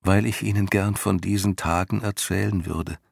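A man's voice: low-pitched, steady tone, normal speed, creaky, no room sound, studio quality, voice pushed up, full character voice. A man voicing a humble, timid aging female mule who talks meekly and with worry. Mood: wistful. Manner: meek, worried, startled.

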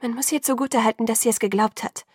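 A woman reading an audiobook, voicing a sharp-tongued, fierce young woman with cutting, clipped lines. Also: fairly high pitch, steady tone, fast, no room sound, clean studio sound, close to an everyday voice. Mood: urgent.

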